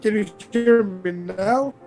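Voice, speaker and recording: A woman's voice: medium pitch, mellow, faint music behind. A woman co-commentating a game over a voice call, her audio cutting up into choppy, robotic fragments from a bad internet link. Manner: halting, words arriving in broken pieces. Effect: glitchy, cutting-up robotic voice-call audio. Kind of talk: casual chat over a voice call. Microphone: voice chat over a bad internet link. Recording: distant lagging internet call.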